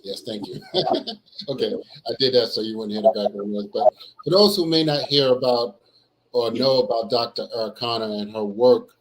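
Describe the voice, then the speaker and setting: A man's voice: medium pitch, moderate pace, low-quality recording. A man hosting a livestream interview over a video call, asking rambling questions padded with fillers and affirming his guest. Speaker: livestream host.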